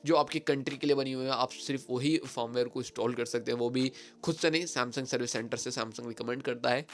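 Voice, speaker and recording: A man's voice: medium pitch, steady tone, a little fast. A man hosting a tech channel, explaining phone updates in a casual, chatty way with frequent fillers and English phrases mixed in.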